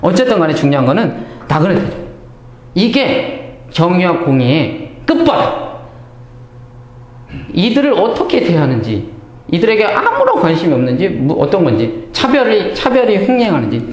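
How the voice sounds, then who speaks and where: A man gives a Bible study lecture in a high, sweeping voice, animated throughout. He repeatedly asks himself questions and answers them, acting out the lines he quotes, in an echoey room.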